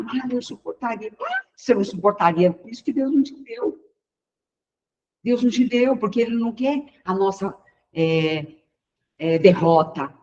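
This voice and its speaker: A woman with a Brazilian Portuguese accent gives a relaxed spiritual lecture, speaking directly to her listeners. She slips into bits of acted dialogue. The recording is slightly dull and lo-fi. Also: medium pitch. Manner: chatty, acts out everyday dialogue and addresses the audience directly.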